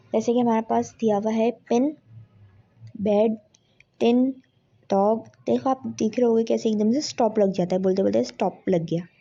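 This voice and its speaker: A woman's voice: on the high side, dark tone, husky. A young woman gives an exam revision lecture, explaining step by step and mixing in English terms. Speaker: tutor. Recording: dull lo-fi audio.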